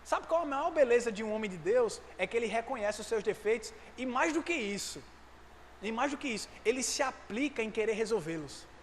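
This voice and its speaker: A man preaching a sermon, fervent and at times rising to shouts. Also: extremely high pitch, animated, fairly quick. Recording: echoey hall with faint noise.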